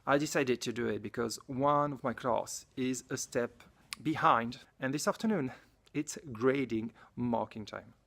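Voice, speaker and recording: A man's voice: medium pitch, measured pace, gravelly, fairly bright tone. A French man, a science teacher, chatting casually to camera in his school lab, often searching for English words and correcting himself. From France. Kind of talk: casual vlog talk to camera.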